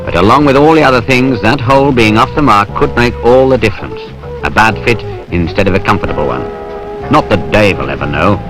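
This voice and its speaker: Over background music on a noisy 1970s industrial film soundtrack, a British narrator offers dry, colloquial commentary. He speaks briskly and expressively in a fairly low voice.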